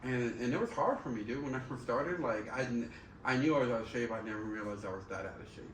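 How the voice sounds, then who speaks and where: A man's voice: medium pitch, quick pace. A man chatting casually and candidly, swearing freely and repeating himself in slangy, conversational phrases. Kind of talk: casual chat. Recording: roomy, distant mic, faint background noise.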